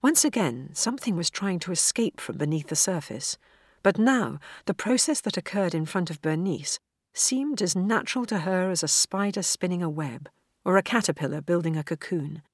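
Low-voiced woman reading a story. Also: slightly rough, dry recording, clean studio sound. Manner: measured, even storytelling. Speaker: audiobook narrator. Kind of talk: scripted narration.

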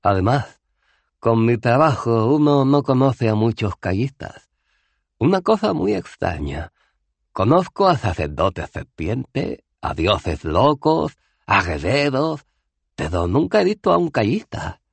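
A man voicing a gruff, weary old barbarian hero who has no teeth, in an audiobook. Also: mid-range voice, very animated, takes it slowly, no echo, pitched above the performer's own voice, full character voice. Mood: wistful. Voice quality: toothless, mumbling. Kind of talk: audiobook character voice.

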